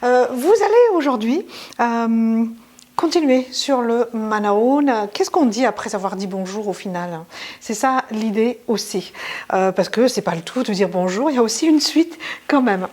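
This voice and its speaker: Woman, language teacher, casual lesson, chatty, fillers, higher pitch, slow pace. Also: lively intonation, darkish tone. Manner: chatty, many fillers and restarts.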